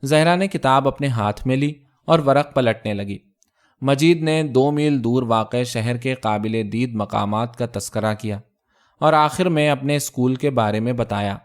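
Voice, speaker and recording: Man reading a story aloud. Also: mid-range voice. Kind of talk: scripted story narration.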